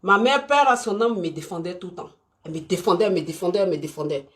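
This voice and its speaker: Speaking quickly in a fairly low voice, this Ivorian live stream host addresses her viewers directly and off the cuff. Her delivery is lively, forceful and full of repetition.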